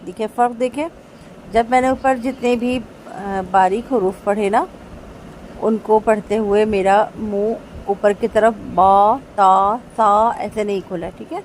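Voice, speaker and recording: A woman teaching Quran recitation, spelling out letters slowly and checking after each point. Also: mid-range voice, steady tone, a little mellow, a little hiss or hum, low-quality recording. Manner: patient, repeats each letter slowly and checks with "theek hai?". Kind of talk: tajweed lesson, spelling out letters.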